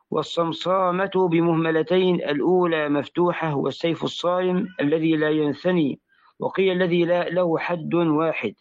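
A fairly high male voice reads a classical commentary aloud for a teacher, pausing to spell out vowel marks and letters. The sound is muffled and lo-fi, like a taped lesson. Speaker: student reading the text aloud.

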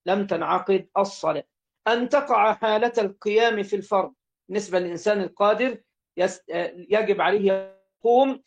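A man's voice: high voice, lo-fi sound. A man with an Egyptian accent teaching religious law, reading each line of a classical text aloud, then repeating and explaining it.

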